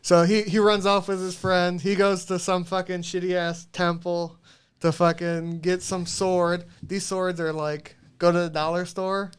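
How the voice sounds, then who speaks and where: A man's voice: high-pitched, flat delivery, measured pace, smooth. A man co-hosting a podcast, casually recapping a movie, rambling, swearing and laughing as he goes. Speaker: podcast co-host.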